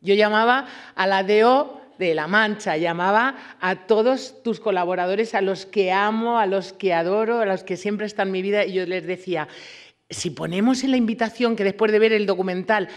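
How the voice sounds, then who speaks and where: A woman in her fifties telling a story in an interview, emphatic and expressive, repeating words for weight. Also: medium pitch, moderate pace. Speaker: award winner. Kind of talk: interview answer. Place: event hall with stage backdrop.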